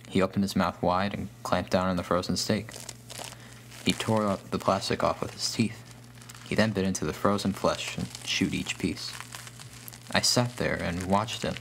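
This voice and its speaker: A storyteller with a deep, low male voice narrates a scripted horror tale over a faint hum in the recording.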